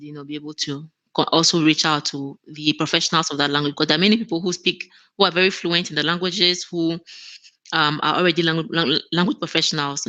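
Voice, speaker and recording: Her low voice carries a bright, forceful tone. A woman operations manager, she is the guest in a conversational interview and speaks earnestly, restarting frequently and laughing readily.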